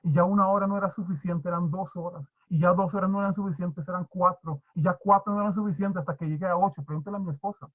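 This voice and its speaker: Husky, fervent male preacher. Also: high-pitched, fairly even intonation, fast, hardly any pauses. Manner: fervent, emotional, repetitive with many restarts. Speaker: pastor. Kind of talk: sermon with personal testimony. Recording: dull lo-fi recording.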